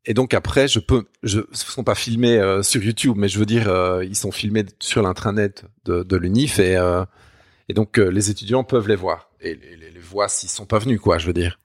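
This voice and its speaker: Man, Namur Belgian accent, rambling, self-mocking, low voice, dry sound. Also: fairly even intonation, moderate pace, no room sound. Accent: Namur Belgian French. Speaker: university Spanish teacher, guest. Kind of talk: casual podcast chat.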